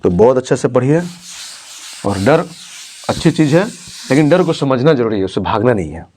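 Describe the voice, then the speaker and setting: A man's voice: medium pitch, expressive, moderate pace, warm tone, a little hiss or hum. Encouraging Hindi-speaking male teacher. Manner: encouraging, asks questions to check understanding. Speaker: teacher and counselor. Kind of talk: motivational talk to a student.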